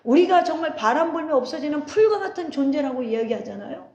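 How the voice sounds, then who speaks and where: A woman pastor in her forties preaches in a high, bright voice, chatting with the congregation and firing questions at them. She slips into stories and laughs along the way. Her voice rings around an echoey church sanctuary. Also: animated, quick pace. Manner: conversational, asks the congregation questions, tells anecdotes with laughter. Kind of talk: sermon.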